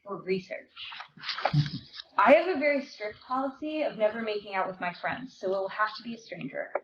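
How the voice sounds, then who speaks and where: At a library event, a woman presents and gives a live dramatic reading of a memoir before an indoor audience, her mid-range voice moving a little fast. The live recording is dull, with noticeable room noise.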